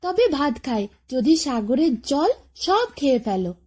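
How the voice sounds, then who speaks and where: A woman voicing a small, stubborn tailorbird that demands favors, in a high, lively cartoon storybook voice. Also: a little slow. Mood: demanding.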